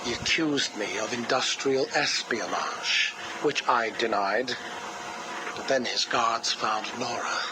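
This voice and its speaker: A cold, grieving scientist who measures every word and lingers on his loss. He is heard through the hiss of a played-back cassette tape. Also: mid-range voice. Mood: mournful. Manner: slow, controlled, mournful delivery. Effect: played back from a cassette tape recording. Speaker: interview subject. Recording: hissy cassette tape playback.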